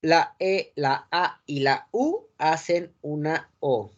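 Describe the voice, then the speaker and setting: A man with a Mexican accent teaching a class, often checking that students follow and filling pauses with "este". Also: a little high, lively intonation, muffled recording. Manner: keeps checking the class follows, asking "sale?"; frequent filler "este" and restarts. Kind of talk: classroom lecture. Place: classroom with a board.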